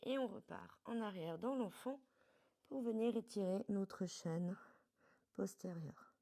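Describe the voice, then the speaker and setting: A woman fitness coach guiding a workout step by step, calmly cueing each movement and breath. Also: medium pitch, slow, creaky. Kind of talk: guided workout instruction.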